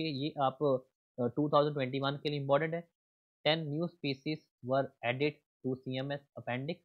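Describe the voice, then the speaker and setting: A man teaching an exam class over slides, reading the slide text aloud and then explaining it in Hindi asides while checking that students follow. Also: a little high. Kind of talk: slide lecture mixing Hindi and English. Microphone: voice-over on screen recording. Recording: tinny phone-like audio.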